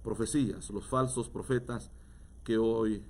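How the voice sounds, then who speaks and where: A man's voice: on the low side, fairly even intonation, measured pace, darkish tone. Latin american guy preaching, lots of "verdad" and uhs, acts out what people say. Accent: Latin American Spanish. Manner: conversational, many fillers and "¿verdad?", acts out quoted voices. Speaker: pastor. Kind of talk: sermon-style teaching.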